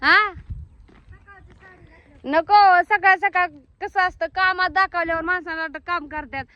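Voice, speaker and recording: Chatty high-voiced young village woman. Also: fairly even intonation, unhurried, sharp tone, highs cut off. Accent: rural Marathi. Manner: chatty, calls out to animals and family. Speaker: vlogger. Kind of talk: casual farm vlog. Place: outdoors on a village farm.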